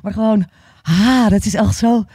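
Earnest woman, mellow dry voice. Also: mid-range voice, unhurried, breathy edge, dry recording. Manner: earnest, searching for words, repeats words often. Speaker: yoga teacher and podcast guest. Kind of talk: open conversational interview.

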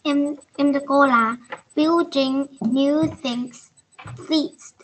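A young girl student reading aloud slowly and carefully in an online English lesson. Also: high voice, steady tone, a little hiss or hum, rough recording. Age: child. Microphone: video call.

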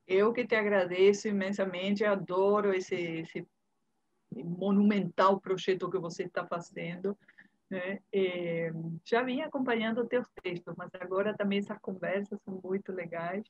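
A native Spanish speaker from Montevideo, Uruguay, in her fifties, reminisces casually as an interview guest; she's a curator and art history professor. Her husky, slightly mellow voice is mid-range and steady at a measured pace, with a Uruguayan Spanish accent. She speaks from an indoor room over a video call through an earphone headset, and the audio is dull and lo-fi.

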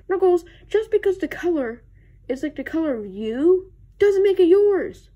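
A woman's voice: very high voice, big pitch swings, normal speed, dull audio. A woman voicing a bossy young male hedgehog hero in a homemade fan skit, bickering and hurling mocking insults. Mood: exasperated.

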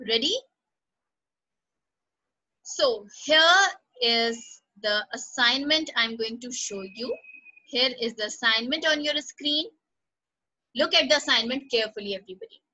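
Heard in a muffled recording from a computer microphone on a call, a high, bright-voiced Pakistani woman runs an online lesson. She commends students individually by name and repeats her instructions with patience.

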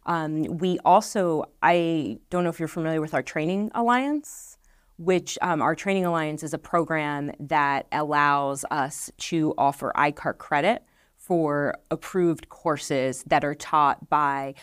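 A woman's voice: low-pitched, unhurried, clear, resonant tone, dry recording. A middle-aged woman answering questions as a guest in a studio interview, earnest and full of fillers and restarts. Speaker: marketing director guest. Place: podcast studio set.

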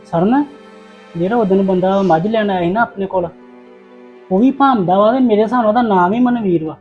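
A man playing a calm village man who shelters and reassures a young woman in a family drama. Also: sits high, brisk, lo-fi sound, faint music behind, close to an everyday voice. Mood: reassuring.

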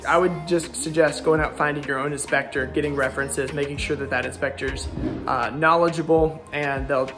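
This American man in his thirties speaks with a steady, somewhat high voice at a moderate pace. As contractor and vlog host, he informally explains a renovation while filming at arm's length through a house, garage and covered patio. Music runs in the background.

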